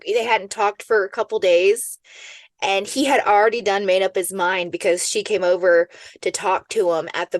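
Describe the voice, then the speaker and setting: A woman co-hosting a casual podcast, gossiping and retelling reality-show moments in an animated way. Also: mid-range voice, dry recording. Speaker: podcast co-host. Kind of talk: casual chat.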